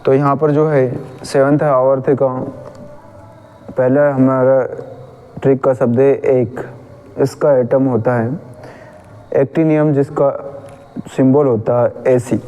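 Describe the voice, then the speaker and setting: A man's voice: medium pitch, steady tone, takes it slowly, pauses often, phone-quality sound. A man with a Hindi accent teaching chemistry, patiently repeating a memory trick and correcting his own slips.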